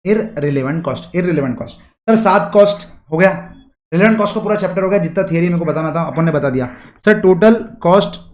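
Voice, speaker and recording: A man teaches an exam revision lecture in a high, lifted voice. He keeps throwing rhetorical questions at his students and explains with everyday examples. The room around him is roomy and echoey. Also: animated, fast.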